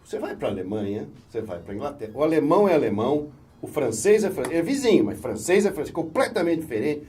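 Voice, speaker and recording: A middle-aged man with a Brazilian Portuguese accent talks as a physician guest, explaining his points in a measured way with examples. His voice is warm and dark. He is picked up from a little way off the microphone. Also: fairly high pitch, sing-song. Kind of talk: explanatory conversation. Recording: voice a bit distant from the mic.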